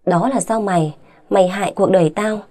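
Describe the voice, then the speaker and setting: Woman reading a wronged young wife: heated, indignant, pitched up a little, mellow tone. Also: fairly quick, close to an everyday voice. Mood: angry hurt.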